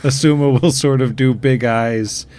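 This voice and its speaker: A man's voice: medium pitch, steady tone, a little mellow. Laid-back man running a tabletop game. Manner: unhurried, with frequent ums and laughs. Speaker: game master.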